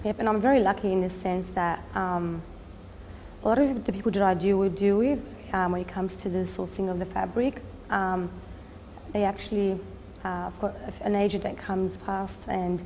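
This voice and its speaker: A woman, a fashion designer speaking in a documentary interview, earnest and unhurried, with frequent "um" pauses. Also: mid-range voice, vocal fry, warm tone, long reverb tail, slight background noise. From Australia. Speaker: fashion designer and business owner.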